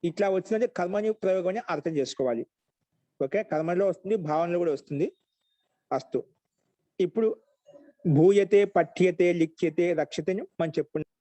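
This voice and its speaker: Man, online grammar teacher, slightly high voice, dry close sound, dictates slowly with repeats. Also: mellow, no room sound, poor audio. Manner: repeats each rule slowly for note-taking. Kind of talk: dictation-paced online lesson.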